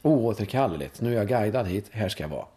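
Interview guest: Swedish man in his fifties, swings his pitch widely, chatty storyteller who keeps checking in with the listener. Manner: animated storytelling, frequent "va?" tags, swearing. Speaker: guest, course leader in sexuality and breathwork. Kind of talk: conversational interview.

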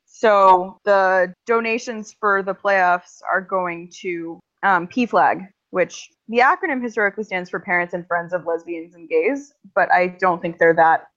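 A woman's voice: lowish voice, steady tone, a little slow, hardly any pauses, a bit bright. A woman co-hosting a casual chat podcast, explaining things at length with lots of ums. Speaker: podcast co-host. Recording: slightly dull lo-fi recording.

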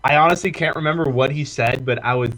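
A man's voice: mid-range voice, quick pace, fairly bright tone. A young man talks in loose, casual chat. He rambles through the story with "like" in every line and swears freely. He sounds like a former college football player remembering his coach. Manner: rambling, heavy "like" filler, profane. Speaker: podcast co-host, former college football walk-on.

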